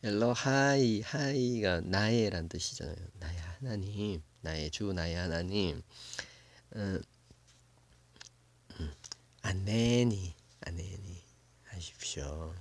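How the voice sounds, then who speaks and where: A Bible Hebrew teacher with a low voice gives a casual, musing lesson, thinking aloud with many fillers. He slowly sounds out words before explaining them.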